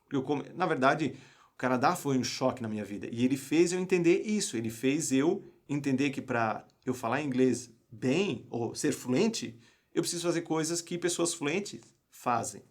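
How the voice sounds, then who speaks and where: A young man from Brazil leads a live online lesson as an English coach. He talks in an emphatic, pushing way and keeps throwing rhetorical questions at his viewers. His voice sits at a middle pitch for a man. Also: lively intonation, normal speed. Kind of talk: live online class talk.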